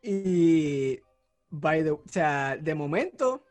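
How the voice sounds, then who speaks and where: A man with a somewhat high voice recounts a story on a casual podcast, animated and dramatic in how he tells it. Faint music sits under his voice. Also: drawn-out words. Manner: animated storyteller, acts out shouts. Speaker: podcast co-host.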